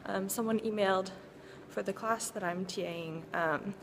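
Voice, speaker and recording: A woman's voice: medium pitch, moderate pace, noisy background. A young woman, a student and teaching assistant, narrating her day casually to camera with fillers. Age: young adult. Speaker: student vlogger.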